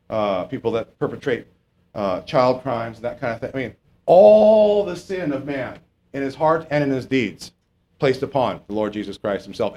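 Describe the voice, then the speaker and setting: A man, a pastor, teaching a passage of scripture in a conversational way, often asking "okay?" and rising in pitch to stress his points. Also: a little mellow. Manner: informal, keeps checking in with "okay?", rises in pitch on emphatic points.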